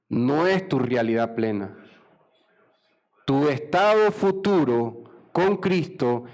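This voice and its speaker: A pastor preaching a sermon with passion, acting out the dialogue between God and Jacob. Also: male voice, fairly high pitch.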